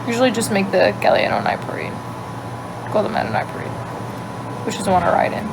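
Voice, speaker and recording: On a very noisy phone mic, a young Louisiana woman with a light Cajun accent hosts a livestream, casually fielding viewer questions while thinking aloud and trailing off into quiet asides. Her gravelly, medium-pitched voice moves quickly and swings hugely in pitch.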